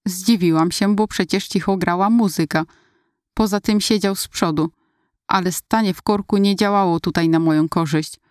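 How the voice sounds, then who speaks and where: A woman narrating a first-person story in a calm, confiding way. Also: on the low side, moderate pace, no echo, clean studio sound. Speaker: audiobook narrator.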